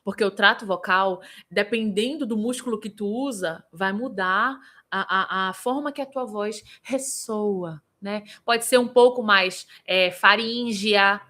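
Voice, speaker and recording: A woman's voice: mid-range voice, unhurried. A woman vocal coach in Brazil, teaching a live singing lesson and answering viewers by name. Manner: lively, demonstrative, breaks into vocal examples.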